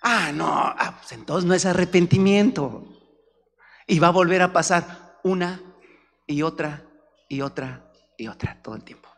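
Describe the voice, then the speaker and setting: A man preaching a sermon with a Mexican Spanish accent, animated and acting out examples while addressing the congregation. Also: on the high side, unhurried, creaky, pauses often. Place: church. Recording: reverberant church hall.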